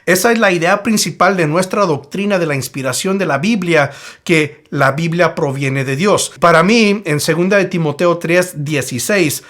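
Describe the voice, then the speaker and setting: Man, high voice, Bible teacher, step-by-step explanations, emphatic repetition. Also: fairly bright tone.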